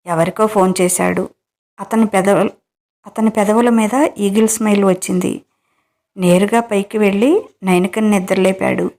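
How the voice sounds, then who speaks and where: A woman reading a romance audio story aloud as its storyteller, narrating in a steady way. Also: medium pitch, normal speed.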